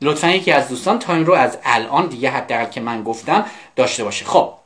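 An adult English teacher leading a live vocabulary class in Persian, saying English phrases slowly and repeating them, with quick asides to the students in between. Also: medium pitch, lively intonation, fairly bright tone.

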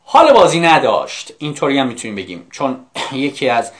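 A man giving a live online English lesson, repeating phrases slowly, spelling words letter by letter and often checking in with "okay?". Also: medium pitch, huge pitch swings. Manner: coaxing, often asks "okay?". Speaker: English teacher.

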